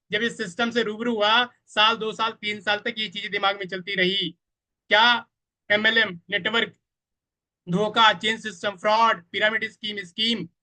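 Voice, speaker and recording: A man's voice: high-pitched, sharp tone. A man giving a live online training on network marketing, who speaks to his audience directly and keeps asking them to type their answers in the chat. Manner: addresses the audience directly, asks for chat replies; quotes others in a voice of their own.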